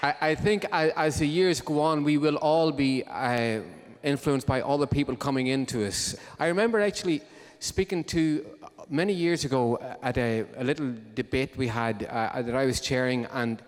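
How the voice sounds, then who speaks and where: A man's voice: mid-range voice, moderate pace, few pauses. Droll man in a hall. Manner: droll, jokey storyteller with comic timing. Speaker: host of a live music show. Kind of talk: storytelling to a live audience. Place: live concert hall. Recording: long hall reverb from a live venue.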